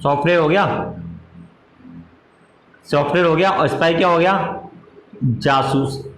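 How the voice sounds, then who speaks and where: A man teaching a class, dictating notes slowly, repeating phrases and answering his own questions in a lower voice. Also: a bit bright. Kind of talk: classroom lecture. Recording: echoey room with faint noise.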